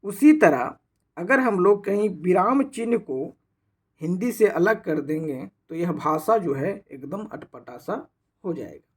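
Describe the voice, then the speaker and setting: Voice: medium pitch, animated, slow pace, breathy edge. A teacher giving a grammar lesson, explaining step by step with frequent rhetorical questions and some restarts. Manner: explains step by step, often fills with rhetorical "what is it".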